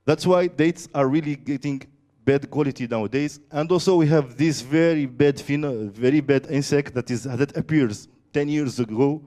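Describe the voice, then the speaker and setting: A man giving a presentation, halting and searching for words with many fillers. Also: a little high, mellow. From Tunisia. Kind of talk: conference presentation.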